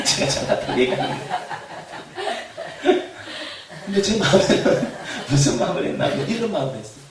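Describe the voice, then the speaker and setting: A man preaching a sermon as pastor, animated, shouting refrains and laughing as he tells stories. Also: fairly high pitch, unhurried, gravelly, pauses often. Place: church hall. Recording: echoey hall, far from mic, faint noise.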